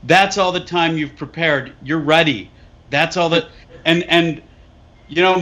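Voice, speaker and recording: Slow-talking musing man. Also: fairly high pitch, fairly bright tone, lo-fi sound. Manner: slow, musing, builds up a joke. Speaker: guest. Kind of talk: casual chat.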